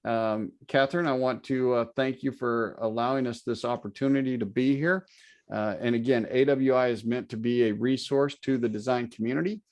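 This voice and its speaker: A man's voice: mid-range voice, steady tone, normal speed. A man presenting over a video call, earnest and self-deprecating, with frequent filler words. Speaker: guest presenter. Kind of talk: webinar presentation.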